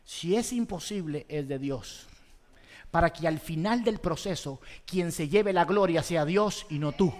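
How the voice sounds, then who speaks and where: A man preaching a sermon as pastor, swinging between loud exhortation and soft, slow emphasis, with rhetorical questions to the congregation. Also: fairly high pitch. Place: church hall. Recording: long reverb of a large church hall.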